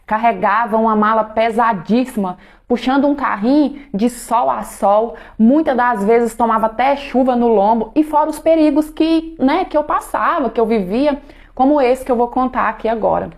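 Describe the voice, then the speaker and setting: A woman with a somewhat high voice tells her own story aloud. She sounds earnest and confiding, and she often turns to her listeners to address them directly. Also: normal speed, darkish tone. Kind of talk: first-person storytelling.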